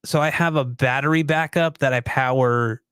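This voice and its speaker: A man's voice: mid-range voice, steady tone, normal speed, fairly bright tone, smooth, no echo. A young man co-hosting a podcast live stream, chatting casually in an easygoing, rambling, self-deprecating way. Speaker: podcast co-host.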